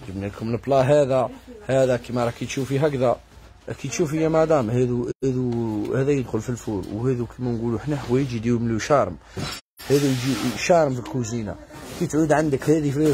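A man with an Algerian Arabic accent giving a live sales pitch in his kitchenware shop, listing items and prices and addressing viewers as madam. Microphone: phone livestream. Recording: noisy shop with clattering dishes.

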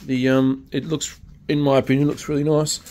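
A man talks casually through his car projects, stopping for ums and trailing restarts. His voice sits at an ordinary middle pitch. He is recorded on a phone held close in an open carport. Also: level tone, moderate pace, a little mellow. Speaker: car restoration vlogger. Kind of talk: casual vlog chat. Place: open carport at home, outdoors. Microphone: phone camera held close.

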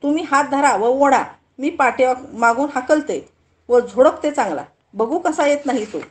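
Woman doing stern mother, scolding, sharp, high-pitched. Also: lively intonation, normal speed. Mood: angry scolding. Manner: sharp scolding, later tender.

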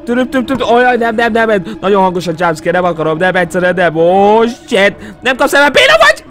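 Jumpy high-voiced man playing a horror game. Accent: Hungarian. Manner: jumpy, excitable, yelps and mutters to himself. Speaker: gaming YouTuber. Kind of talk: horror game let's play commentary. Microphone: headset. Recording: faint game music behind.

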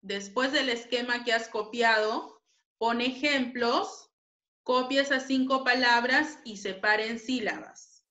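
A woman teacher with a bright, fairly high voice walks pupils through a grammar lesson. She speaks slowly and repeats key points with patience. The room around her echoes.

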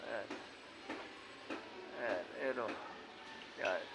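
A man's voice: on the low side, drawn-out words, background noise. Chatty man with a cold. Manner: chatty, repeats filler words often, addresses viewers directly. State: has a cold. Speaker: vlogger showing his bird cage. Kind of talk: casual vlog walkthrough. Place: outdoors in a yard beside a large bird cage.

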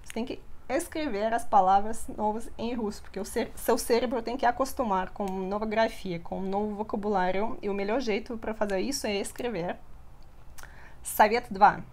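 A young woman, a native Russian speaker, teaching a live online language lesson in a lively way, often checking in with her listeners. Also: medium pitch, moderate pace.

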